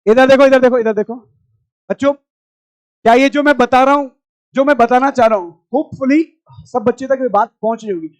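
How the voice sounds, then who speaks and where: High-voiced male teacher shouting in class. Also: moderate pace, long pauses, no echo. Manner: loud, scolding and coaxing students. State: strained throat. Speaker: chemistry teacher. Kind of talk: classroom lecture.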